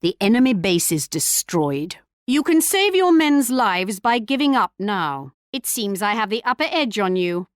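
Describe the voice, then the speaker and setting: A woman's voice: mid-range voice, sing-song, unhurried. An actress playing a haughty queen in a strategy video game, speaking in a regal, arch, mocking manner. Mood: smug triumph. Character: haughty English queen leading her empire, taunting rivals. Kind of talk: scripted strategy game taunts and announcements.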